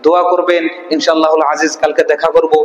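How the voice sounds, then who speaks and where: A man's voice: on the high side, flat delivery, fast talker, lo-fi sound. A man teaching Quran reading, drilling syllables and asking and answering his own questions. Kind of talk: recitation lesson. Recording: echoey room with long reverb.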